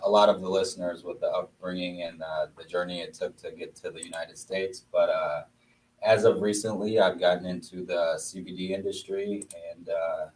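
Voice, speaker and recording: A man in his thirties from Bosnia, a guest entrepreneur speaking in a measured way with many pauses. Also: sits low, darkish tone. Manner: measured, lots of "uh" fillers. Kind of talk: casual interview chat. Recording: distant mic with faint noise.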